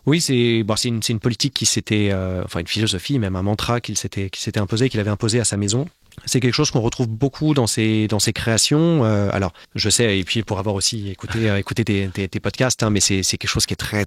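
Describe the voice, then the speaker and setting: Man, low voice, quick, halting with lots of fillers, dry close sound. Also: steady tone, no echo. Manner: hesitant, many fillers and restarts. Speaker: podcast guest, watch specialist. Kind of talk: casual conversation.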